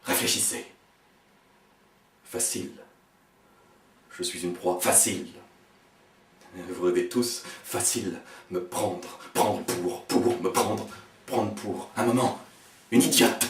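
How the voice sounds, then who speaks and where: A man performing experimental spoken-word poetry in a fragmented delivery, stammering and repeating words, swinging between hushed murmurs and sharp outbursts. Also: deep voice, takes it slowly, pauses often. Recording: echoey room, voice far from the mic.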